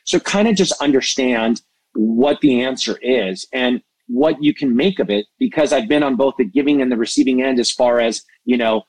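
The speaker is an interview guest, a mentor and executive in entertainment media, who chats with animated energy. He has a medium-pitched voice and a moderate pace, and he's passionate, expressive and, by his own account, hyper. The recording is rough and dry, without echo.

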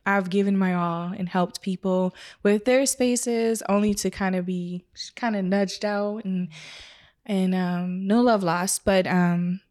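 A woman talking in an easygoing interview, spilling stories with feeling and acting out what people said to her. Her voice sits in a middle range for a woman, and she's recorded in her studio. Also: mid-range voice. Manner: chatty, emotional storytelling with quoted asides and laughs. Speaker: wedding photographer guest. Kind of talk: casual interview.

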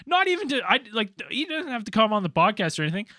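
A man's voice: sits high, big pitch swings, fast, sharp tone, dry recording, studio quality. A man co-hosting a podcast, chatting casually and laughing along, loose and profane. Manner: laughing, loose, swears freely. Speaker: podcast co-host. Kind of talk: casual chat.

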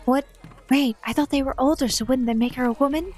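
Female player in character, high bright pitch, inquisitive. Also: fairly quick, faint music behind. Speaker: tabletop game player. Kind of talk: in-character tabletop role-play.

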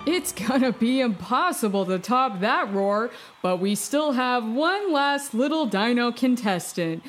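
A woman's voice: fairly high pitch, animated, measured pace. A woman narrating a children's story as an exclamatory, theatrical sports announcer. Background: music.

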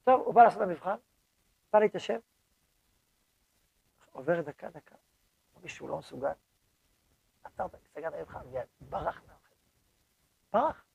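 A man's voice: a little high, expressive, vocal fry, pauses often, darkish tone, slightly rough, no echo. A man, the head rabbi of a yeshiva, giving a lecture to his students and repeating words for emphasis.

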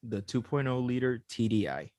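A man's voice: medium pitch, expressive, moderate pace, darkish tone, no echo, clean studio sound. A man hosting a casual podcast chat, loose and swearing, laughing as he explains. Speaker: podcast host.

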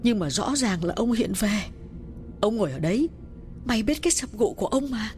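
A man voicing a frightened middle-aged village mistress who speaks in a shaky, hushed way to her servant. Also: high-pitched, animated, brisk, faint music behind, voice pushed up. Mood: terrified.

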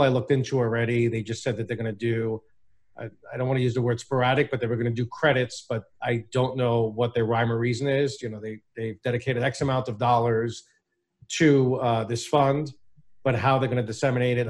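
A man's voice: mid-range voice, fairly even intonation, a little fast, a little mellow. A man co-hosting a casual panel chat, joking and chatty as he weighs in. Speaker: co-host.

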